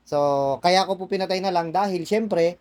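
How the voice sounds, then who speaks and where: A man's voice: sits high, level tone, moderate pace. A man working as a spiritual healer, insistently questioning a spirit and then explaining the session to onlookers. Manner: insistent, presses with repeated "ha?". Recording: distant mic with faint background noise.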